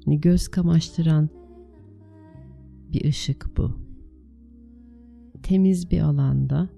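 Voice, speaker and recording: Dark, mellow-voiced woman guiding meditation. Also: low voice, vocal fry, faint music behind. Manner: gentle, soothing, unhurried instruction with pauses. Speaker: meditation teacher leading a guided meditation. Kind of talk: guided meditation.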